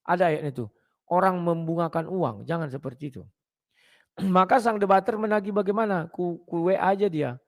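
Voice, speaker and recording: A man giving blunt, casual preaching talk to his viewers, clearing his throat often. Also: sits high, a little fast.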